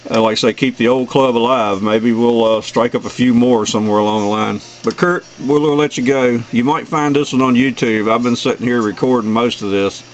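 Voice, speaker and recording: Chatting briskly with few pauses, a middle-aged or older American man makes casual radio contact as an amateur operator, folksy and friendly right through his sign-offs. His voice is medium-pitched, and the radio shack recording is noisy.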